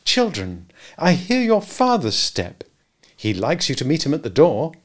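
A man's voice: fairly high pitch, wildly swooping pitch, unhurried, pitched above the performer's own voice, exaggerated voice. A man voicing a prim, motherly girl who fusses and scolds a crowd of boys in a storybook. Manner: bossy, fussing.

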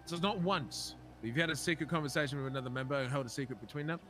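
A man's voice: a little high, very fast, a bit bright, faint music behind. A man in improvised game role-play, arguing in an aggrieved, sweary way as he defends himself. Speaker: role-play gamer playing a biker club member.

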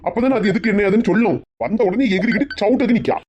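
Man as a middle-aged Kanyakumari dad: doting, teasing, rapid talker, lo-fi sound. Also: high-pitched, a little mellow, a little hiss or hum, lightly acted. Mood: scolding. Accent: Kanyakumari Tamil. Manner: coaxing with his daughter, bickering with his wife. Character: doting middle-aged father, teasing toward his wife. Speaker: father in a family comedy skit. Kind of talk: comic family skit acting.

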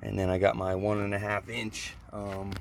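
A pressure washing hobbyist on a concrete patio talks through his build step by step at a moderate pace, keeping the language informal. His voice is fairly low and level, with vocal fry. Recorded outdoors on a handheld phone behind the camera, the clip has a noisy background.

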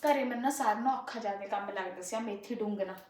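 A chatty young Punjabi cooking vlogger from Punjab, India, talks casually while cooking in her echoey home kitchen, rambling and using lots of filler tags. She has a rural Malwa Punjabi accent and speaks quickly in a mid-range, somewhat dark voice.

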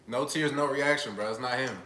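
A man's voice: medium pitch, brisk, sharp tone, slight background noise. A young man on a livestream, laughing and hyping up his friend. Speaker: friend on stream. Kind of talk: casual livestream chat. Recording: echoey room.

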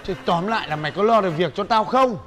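A man playing a boastful young laborer who brags loudly. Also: high voice, animated, quick pace, a faint crowd. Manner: bragging, bossy, loud. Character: boastful broke male laborer, young adult.

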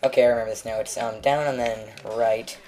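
A man's voice: mid-range voice, fairly even intonation, fairly quick, a little mellow, soft background music. A young man narrating a video game as he plays, rambling and making self-mocking jokes. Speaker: gameplay commentator. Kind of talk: let's play commentary.

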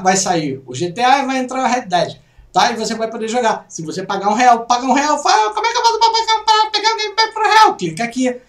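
This is a casual home vlog: a middle-aged man from Brazil, speaking with a Brazilian Portuguese accent, comments on gaming news over a screen share, chatty and joking with animated pitch. A corner webcam in his small room picks him up from afar, giving a roomy sound.

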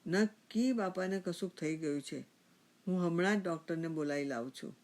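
Woman narrator playing a worried adult son: loud, exasperated calling. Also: fairly low pitch, moderate pace, close to an everyday voice. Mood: agitated. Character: grown son, agitated and fretful.

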